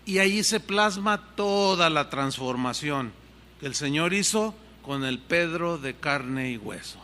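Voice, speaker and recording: A man's voice: a little high, animated, a little slow, pushed and bright. An older man preaching a sermon as pastor in a church hall, earnest and conversational. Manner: conversational and earnest, shifting pace freely. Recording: reverberant hall sound.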